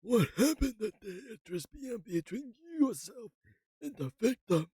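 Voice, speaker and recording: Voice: mid-range voice, animated, moderate pace, dark tone, husky, no room sound, clean studio sound, voice pushed up. A streamer reading out a stern courtroom lawyer questioning a witness in a game. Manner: reading game dialogue aloud. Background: game music.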